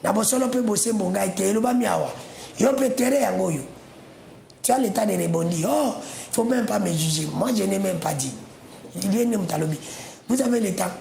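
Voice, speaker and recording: Gravelly host moderating. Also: male voice, high voice, fairly quick, mellow, echoey room. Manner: mixes French and Lingala, cuts in. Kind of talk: moderating a heated debate.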